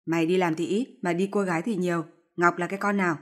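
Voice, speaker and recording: A woman's voice: lowish voice, steady tone, fast talker, natural voice. A woman voicing a fierce older mother-in-law who scolds harshly in a storybook reading. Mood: furious scolding.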